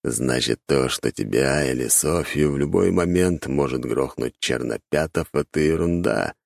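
A man doing a low, sarcastic inner voice. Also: a little slow, vocal fry, no room sound, studio quality, exaggerated voice. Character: sardonic male inner voice, a lurking presence.

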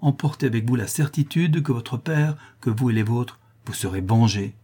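A man voicing a solemn, reassuring gentleman. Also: mid-range voice, normal speed, slightly rough, natural voice. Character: solemn nobleman, steady protector. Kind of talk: audiobook character reading.

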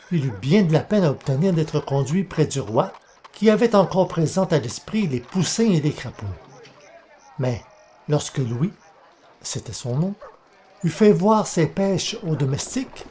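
Mellow-voiced male storybook narrator. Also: a little high, slight background noise. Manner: measured, even storytelling.

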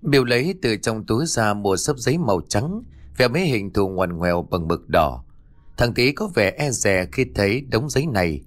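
A man narrating an audiobook ghost story in a steady storytelling delivery, recorded as a voice-over. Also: on the low side, normal speed. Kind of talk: scripted narration. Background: faint background music.

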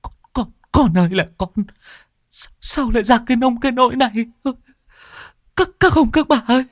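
Guy doing a wailing village mom, high strained cries, voice all over the place. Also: animated, normal speed, dry recording, clean studio sound. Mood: wailing grief. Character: grieving young village mother, wailing.

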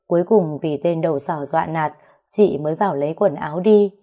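A woman narrating a first-person story in a steady storytelling manner. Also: low-pitched, fairly quick.

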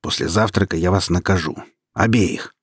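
Guy playing a bossy cold master, low husky voice, barks orders, dry sound. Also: normal speed, no echo. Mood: angry. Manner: barking, commanding. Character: domineering man, harsh cold master. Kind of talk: audiobook reading.

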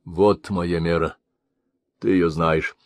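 A man's voice: sits low, steady tone, takes it slowly, no room sound, studio quality. A man voicing a grim, weary old mercenary warlord who speaks curtly and grumbles. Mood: unmoved. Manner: curt, unmoved, grumbling.

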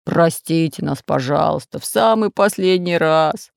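A woman voicing a fat red-bearded pirate in a storybook, deep and pleading. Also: steady tone, brisk, gravelly, a little mellow, clear, resonant tone, no echo, clean studio sound. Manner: pleading, plaintive.

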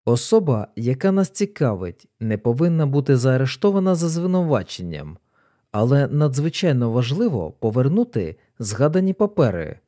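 A man voicing a calm, composed male detective who speaks low and matter-of-fact. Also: normal speed, lightly acted.

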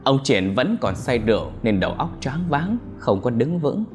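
A man narrating a dark village story in an expressive, dramatic way. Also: mid-range voice, normal speed, soft background music.

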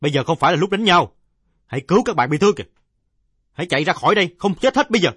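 Male narrator doing a battlefield commander barking orders, high strained shout, husky, audiobook. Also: lively intonation, rapid-fire, no room sound, clean studio sound, heavily acted. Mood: urgent. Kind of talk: audiobook story reading.

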